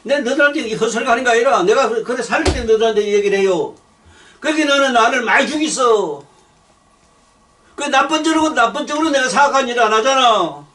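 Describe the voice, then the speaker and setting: A man's voice: extremely high pitch, expressive, a little fast, bright, forceful tone, far from the mic, a little hiss or hum. An older man giving a blunt, rambling sermon, swearing and repeating himself. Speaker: preacher.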